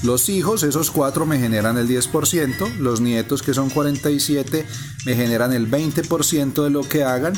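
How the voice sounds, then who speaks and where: A man's voice: mid-range voice, moderate pace. Brief: male narrator, methodical gameplay voice-over, faint music behind. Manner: explains step by step, calm and methodical. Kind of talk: casual screen-recording walkthrough. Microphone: voice-over on a phone screen recording.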